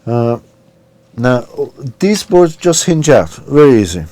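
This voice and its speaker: A man with a medium-pitched, warm voice speaks slowly but in a very animated way. He's giving an informal, unscripted step-by-step repair demonstration, talking hesitantly while working with his hands. The recording is clear, with background noise and handling clicks.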